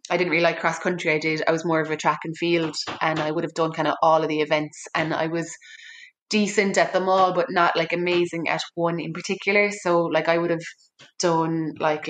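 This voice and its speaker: A young woman with a West Clare Irish accent, a rugby player chatting about her sport in an interview, rambling and chatty over a remote call. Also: low voice. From West Clare, Ireland. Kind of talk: casual interview chat.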